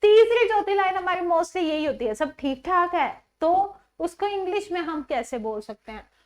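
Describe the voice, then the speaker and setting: A woman teaching English in a classroom-style lesson, explaining patiently and repeating each English phrase slowly. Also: extremely high pitch, animated.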